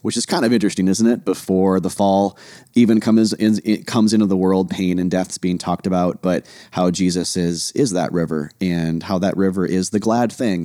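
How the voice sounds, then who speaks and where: Deep-voiced guy riffing on a podcast, dark tone, dry mic. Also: dry recording. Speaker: podcast co-host. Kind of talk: casual chat.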